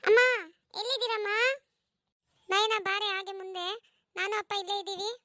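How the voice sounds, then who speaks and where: A woman voicing an eager, proud young schoolgirl in a family cartoon story, talking in an excited, childlike way. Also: very high voice, normal speed, no room sound, clean studio sound. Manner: excited, pleading childlike talk.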